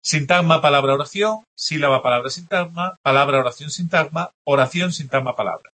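A man's voice: a little high, brisk, pushed and bright. A man teaching a language class, explaining test answers and often checking in with students. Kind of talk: classroom lecture going over test answers.

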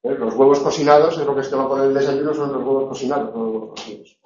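A man teaching a class on pronunciation, drawing out his examples slowly and checking in with the students again and again. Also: mid-range voice, steady tone, darkish tone. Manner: slow, drawn-out examples with frequent "¿eh?" and "¿vale?" checks. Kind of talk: classroom lecture on phonetics. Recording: echoey room, distant lo-fi mic.

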